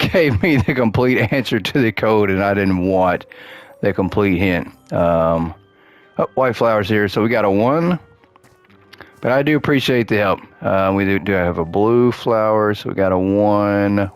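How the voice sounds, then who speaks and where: A man hosting a gaming channel chats casually as he plays, thinking aloud in an upbeat, talkative way. His lowish, smooth voice moves at normal speed, though it cracks and sounds worn because he is losing it.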